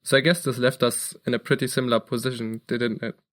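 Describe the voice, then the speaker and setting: A man's voice: medium pitch, fast talker. A young man from Germany, co-hosting a podcast and talking earnestly about his background. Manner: earnest, steady, occasional restarts. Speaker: podcast co-host. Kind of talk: casual chat.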